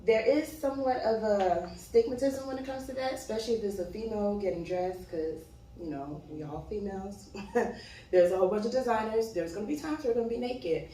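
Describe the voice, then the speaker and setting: A woman's voice: medium pitch, brisk, mellow. A woman in her twenties from Miami, a model, chatting casually as a guest and laughing often. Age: 20s. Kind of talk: casual chat. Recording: echoey room, far from the mic, faint noise.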